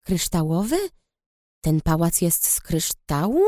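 A woman's voice: lowish voice, expressive, unhurried, dark tone, no room sound, clean studio sound. A woman voicing a shaken young woman rider who asks hesitant questions, in an audiobook reading. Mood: unsure.

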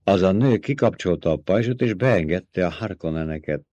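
A man's voice: deep voice, animated, dark tone, dry recording, muffled recording. A man doing a wary, hardened old counselor. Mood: guarded. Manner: guarded, curt.

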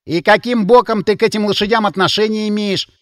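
A man doing a skeptical high-voiced mercenary. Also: steady tone, a little fast, fairly bright tone, no echo, clean studio sound, long reverb tail.

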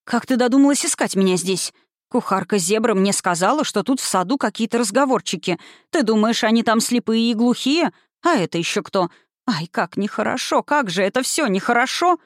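A fussy middle-aged chaperone scolds in quick, scandalized outbursts, as an audiobook reader puts her on. The voice sits at an ordinary middle pitch, recorded close and dry with no room sound. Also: lively intonation, no echo, lightly acted. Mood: scolding. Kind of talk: audiobook reading.

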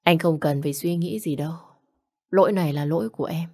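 A woman plays a frightened young wife in an audio story, pleading and apologetic. Her voice is lowish for a woman. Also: fairly quick, mellow.

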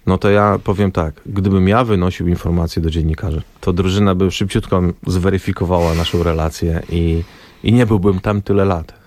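Low-voiced man telling lively anecdotes. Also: moderate pace. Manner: lively anecdotal storyteller, acts out quoted dialogue. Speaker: former national team press officer. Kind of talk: radio interview storytelling. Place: radio studio. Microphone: studio microphone.

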